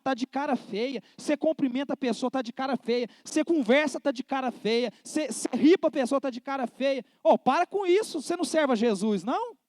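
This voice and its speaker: Male preacher, fairly high voice, dry recording, casual but forceful sermon delivery that questions the congregation. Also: no room sound. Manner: colloquial, emphatic preaching with direct questions to the congregation. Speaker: pastor.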